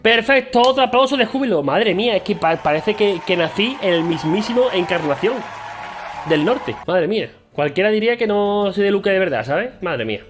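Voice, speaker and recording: A man's voice: high voice, expressive, fairly quick, soft background music. A man with a Spain Spanish accent chatting to camera as a vlogger, in a playful, self-mocking and chatty way. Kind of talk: casual chat to camera.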